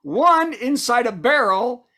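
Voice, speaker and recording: A comedian hosts with a late-night monologue of punchy jokes. The voice sits at a middling pitch, between a typical man's and woman's range. News-style setups lead into punchlines, broken up by asides to the listeners. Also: animated, slow, bright, forceful tone. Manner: sets up news items then delivers punchlines, with asides to the audience. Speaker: comedian host of a virtual comedy show.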